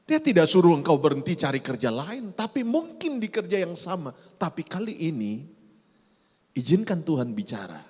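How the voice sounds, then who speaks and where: A middle-aged man, preaching a sermon in a church hall, swinging from hushed asides to loud drawn-out emphasis. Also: sits high, husky. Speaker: pastor.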